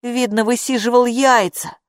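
A woman voicing a calm, gloomy boy in an audiobook who explains things matter-of-factly. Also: a little high, normal speed, no room sound, clean studio sound, pitched above the performer's own voice, natural voice. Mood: glum. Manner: glum, matter-of-fact. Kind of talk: audiobook character voice.

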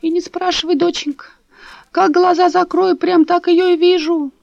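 A woman's voice: extremely high pitch, little pitch movement, moderate pace, vocal fry, a little mellow, no room sound, pitched above the performer's own voice. A woman voicing a fussy, suspicious old female neighbor who chatters and repeats herself, on a dull, dry recording. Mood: gossiping.

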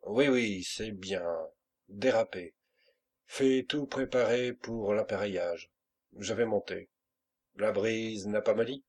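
A man's voice: on the low side, slow pace, a little mellow, breathy edge. A man reading an audiobook, voicing a fierce, hot-tempered pirate captain who talks in brusque, commanding bursts.

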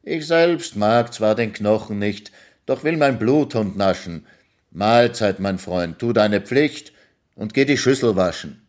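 A man reading a ballad aloud and voicing a greedy, domineering master who scolds his hungry servant in shrill outbursts. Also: lively intonation, slow. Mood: furious. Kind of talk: dramatic poem reading.

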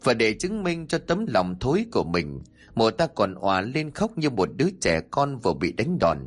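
Man narrating a story, dramatic and expressive, husky, pitch all over the place. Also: moderate pace. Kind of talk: audiobook narration.

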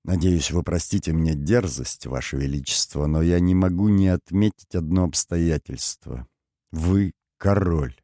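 A man's voice: deep voice, warm tone, dry recording, studio quality. A man doing a grave, wary mercenary colonel. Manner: slow, measured, deferential. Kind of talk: audiobook character voice.

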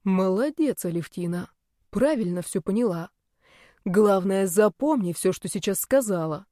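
A woman voicing a teasing, self-assured young male nobleman in an audiobook, speaking calmly with lazy amusement. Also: mid-range voice, measured pace, dry recording, studio quality, natural voice. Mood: amused. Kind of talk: audiobook character reading.

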